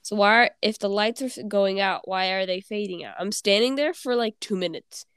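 A teenage girl co-hosts a casual podcast, her voice stuffy from a cold but still smooth and clear. She rambles and giggles through her stories, recorded close and dry. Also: medium pitch, brisk, a bit bright, no echo. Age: teens. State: congested from a cold. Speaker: podcast co-host. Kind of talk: casual chat.

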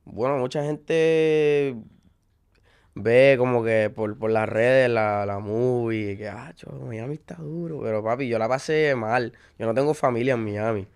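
A young man from Maryland with a Puerto Rican accent, a songwriter guest talking in a relaxed, laid-back way and dropping in English words. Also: mid-range voice, unhurried, smooth. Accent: Puerto Rican Spanish. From United States (Maryland). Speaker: music artist and songwriter guest. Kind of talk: casual interview.

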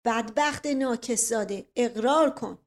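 A woman's voice: fairly high pitch, lightly acted. A woman voicing a hot-tempered older man who bellows accusations. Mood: roaring.

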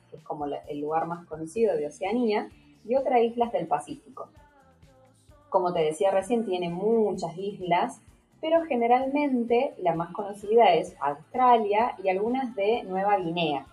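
Woman, Córdoba Argentine accent, mellow tone, casual playful radio presenting, faint music behind. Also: mid-range voice, poor audio. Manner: conversational, playful, addresses co-host directly. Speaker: radio co-host.

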